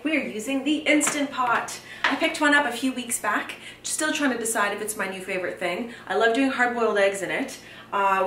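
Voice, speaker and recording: A woman's voice: mid-range voice, fairly bright tone. A woman in her thirties talking casually and playfully to the camera while cooking dinner in her home kitchen. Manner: chatty, upbeat and playful, slangy asides. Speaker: lifestyle vlogger. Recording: roomy kitchen with faint music.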